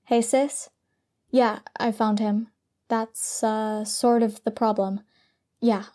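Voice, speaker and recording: A woman's voice: on the high side, little pitch movement, slow pace, dark tone. A woman voicing a brash, defensive teenage superhero girl in an audiobook reading. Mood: casual.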